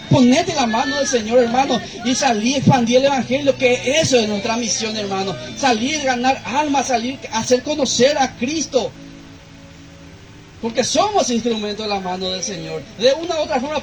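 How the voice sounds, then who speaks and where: A man's voice: very high-pitched, poor audio. A man preaching a sermon as pastor, often turning to address the congregation directly. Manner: preaching with repeated appeals to the congregation.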